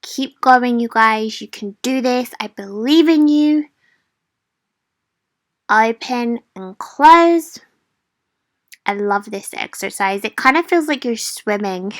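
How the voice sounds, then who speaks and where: Bright, high-voiced woman coaching a workout. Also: expressive, takes it slowly, pauses often, no echo, clean studio sound. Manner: encouraging, motivational cheering-on; addresses listeners informally as a group. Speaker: fitness instructor. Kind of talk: guided workout instruction to viewers.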